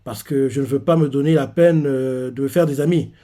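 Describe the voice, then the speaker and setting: A man's voice: mid-range voice, fairly quick, lightly acted. Man reading out a hot-tempered young warrior. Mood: blunt. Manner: gruff, insulting, shouting retorts.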